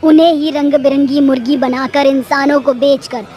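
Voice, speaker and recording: A woman voicing a vengeful female witch in a cartoon, with a shrill, threatening delivery. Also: steady tone, moderate pace, warm tone, lo-fi sound, lightly acted. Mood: bitter. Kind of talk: cartoon voice acting.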